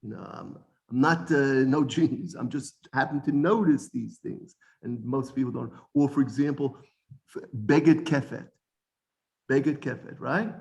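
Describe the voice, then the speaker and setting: A man teaching an informal Bible study lesson, animated, often repeating words and restarting sentences. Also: medium pitch, measured pace, gravelly, muffled recording.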